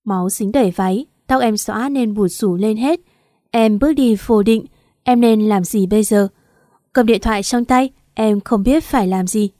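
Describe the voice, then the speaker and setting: This audiobook narrator is a woman with a warm, mid-range voice who moves at a moderate pace. She tells a first-person romance story, emotionally voicing the arguments and tears in the dialogue. The recording is dry and sounds clean, like a studio.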